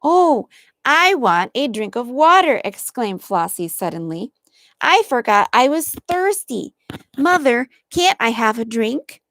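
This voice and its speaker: A woman's voice: a little high, sing-song, measured pace, a bit bright, dry recording, studio quality, exaggerated voice. A woman voicing an eager, whiny little girl twin in a storybook, with a raised, pleading tone.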